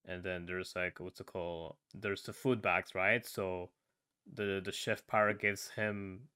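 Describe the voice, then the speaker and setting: A man in casual podcast chat, retelling a story in a relaxed way full of fillers and tag questions. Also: sits low, a little slow, clear, resonant tone. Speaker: podcast co-host.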